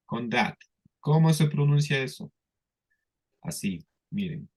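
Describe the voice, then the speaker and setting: Unhurried male teacher on an online class, drills pronunciation patiently. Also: mid-range voice, expressive, darkish tone. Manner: patient, repeats words slowly for students. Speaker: English teacher.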